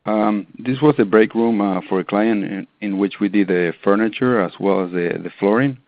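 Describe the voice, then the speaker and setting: Deep-voiced man from Argentina, hesitant. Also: moderate pace. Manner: hesitant, with many ums and restarts. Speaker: interior designer guest. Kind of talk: casual interview answers. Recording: tinny phone-line audio.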